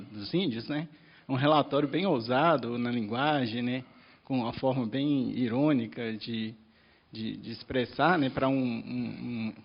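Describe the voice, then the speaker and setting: A man's voice: mid-range voice, lo-fi sound. A man on a panel asking a speaker a question, hesitant and repeating his words. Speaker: panel member.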